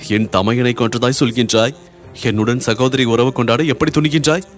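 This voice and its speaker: A man voicing a dignified royal princess who speaks with measured authority. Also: medium pitch, fairly even intonation, faint music behind, lightly acted. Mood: stern. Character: dignified royal princess, stern yet compassionate.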